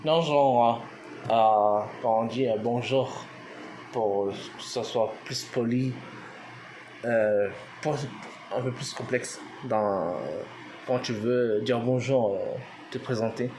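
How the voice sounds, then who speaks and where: Slow, halting man teaching a language. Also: mid-range voice, steady tone, darkish tone, a little hiss or hum. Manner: halting, many fillers and restarts, spells words out. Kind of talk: informal language lesson.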